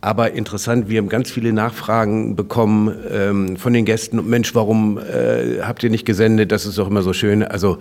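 A man's voice: lowish voice, fairly even intonation, fairly quick, hardly any pauses, darkish tone. A man co-hosting a podcast who talks in a thoughtful, rambling way with many hesitations. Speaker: podcast co-host. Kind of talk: casual interview chat. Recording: roomy recording.

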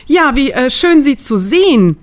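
A woman's voice: high voice, big pitch swings, a little slow, pitched above the performer's own voice. A woman voicing a flustered female hair salon owner who keeps up a strained, polite cheer. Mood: forced cheer.

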